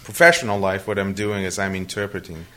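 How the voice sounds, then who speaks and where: A Brazilian man whose first language is Portuguese answers interview questions, his deep, steady voice moving fast with a fairly bright tone. He sounds hesitant and conversational, often restarting sentences and leaning on fillers.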